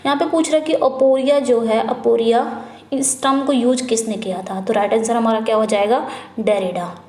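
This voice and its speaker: Woman exam-prep tutor, a bit high in pitch, recorded in an echoey room, repeats every answer twice. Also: a little mellow. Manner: asks and answers her own questions, repeating each answer; mixes Hindi with English terms, reads questions out slowly. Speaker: English exam-prep teacher. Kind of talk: online lesson, working through a practice paper.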